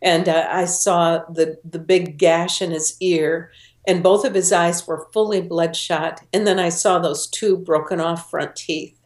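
A woman's voice: lowish voice, steady tone, unhurried. A middle-aged woman, a guest in an interview, telling a personal story earnestly and voicing the people she quotes. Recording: roomy echo.

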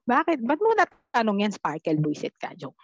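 A woman telling her experiences as a podcast guest, quoting her own dialogue in a blunt, animated way. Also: on the high side, husky, no echo, dull audio. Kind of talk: casual storytelling chat.

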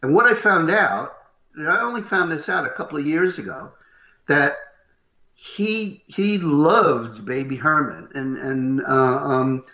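Older guy, gruff and loud, bright edgy tone, tells stories with lots of life, slightly dull roomy recording. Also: a little high, unhurried. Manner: animated, acts out what others said. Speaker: voice actor guest. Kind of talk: interview storytelling.

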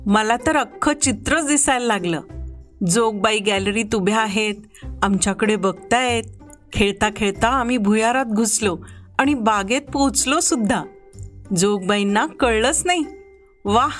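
A woman narrating a children's story, acting out the children's voices with lively shifts. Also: fairly high pitch, a little slow, soft background music.

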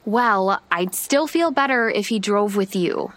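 An actress playing an anxious, uptight young American bride-to-be and affectionate big sister in a naturalistic audio drama. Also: female voice, mid-range voice, animated, measured pace, fairly bright tone, no room sound. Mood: fretful, teasing. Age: young adult. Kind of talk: scripted audio drama, naturalistic dialogue and narration.

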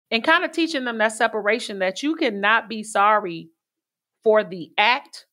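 Middle-aged woman guest, bright voice, easy conversational advice with fillers. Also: medium pitch. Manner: warm storytelling with light laughs, many fillers. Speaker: parenting expert guest.

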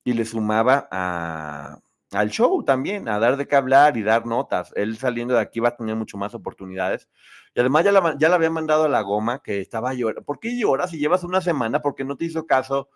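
A man hosts a casual live show, reading viewer comments aloud. He talks in a chatty, opinionated way, and his pitch swings up and down often. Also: expressive, a little fast.

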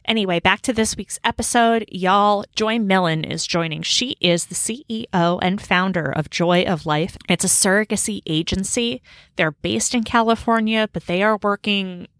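A woman's voice: mid-range voice, moderate pace, a bit bright, no echo. A woman in her thirties chatting casually as a podcast host, bubbly, slangy and rambling, recording indoors on a boat. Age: 30s. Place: indoors in a room on a river boat.

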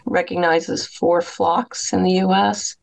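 A middle-aged woman from New England, a guest telling relaxed stories in a casual interview. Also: on the low side, slow, gravelly.

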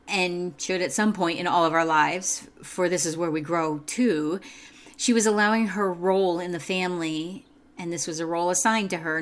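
A woman with a fairly low voice reads her own self-help writing aloud. She is calm and measured, and her tone is earnest and reflective throughout.

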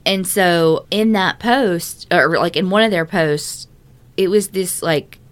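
A woman with a somewhat low voice co-hosting a casual podcast, reading a listener's story and then reacting at length. She talks emphatically, swears often and scatters "like" through her sentences. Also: slow pace. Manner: emphatic, profane, uses like as a filler a lot. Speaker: podcast co-host. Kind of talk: casual chat and reading aloud.

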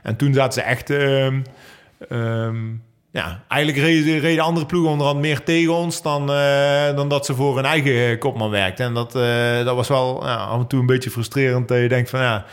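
Recalling races in an interview, this thirties-aged pro cyclist and sprint lead-out rider answers at length, hesitating often with ums and false starts. He speaks at a normal speed in a mid-range voice with fairly even intonation.

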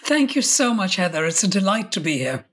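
A woman's voice: medium pitch, very animated, brisk, slightly rough. A woman, a podcast guest in a conversational interview, speaking reflectively with restarts and self-corrections. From India.

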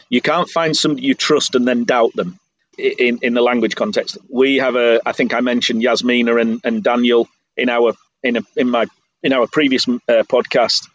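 A middle-aged man with an English accent answers interview questions in a candid, measured way, gently poking fun at himself. His voice sits at an ordinary pitch. The sound is dry and close. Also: no room sound, poor audio. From England. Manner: candid, self-deprecating, measured. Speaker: guest, business owner abroad. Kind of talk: interview conversation.

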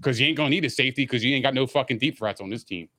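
A man's voice: medium pitch, racing, bright, forceful tone. A man talking like a hyped frat bro, with casual slang and swearing, as a panelist on a sports podcast.

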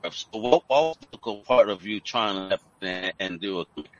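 A man's voice: deep voice, a little fast. Man on a breaking-up video call. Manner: laid-back, jokey, laughs between questions. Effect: video-call audio breaking up and cutting out. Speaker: interviewer host of a live show. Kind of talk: casual live video-call interview. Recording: dull lo-fi internet call audio.

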